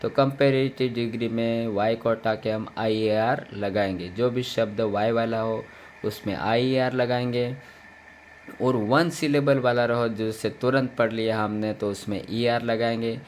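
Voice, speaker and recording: A man's voice: medium pitch, fairly even intonation, unhurried, a little hiss or hum. A man teaching English grammar, explaining patiently and repeating each point with translations.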